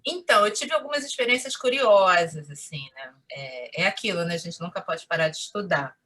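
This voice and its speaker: Bright-voiced Carioca woman, chatty storyteller. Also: lowish voice, fairly quick. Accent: Rio de Janeiro Portuguese. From Brazil. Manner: animated storytelling, frequent "né?". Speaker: interview guest. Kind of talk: conversational interview.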